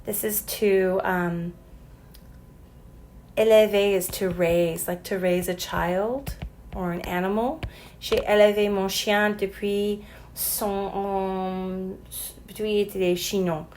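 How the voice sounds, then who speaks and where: A woman teacher talks through a recorded French lesson, spelling out letters one by one and slowing down for example sentences. Her voice sits at a medium pitch. There is a faint noise in the recording. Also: steady tone, a little mellow, poor audio.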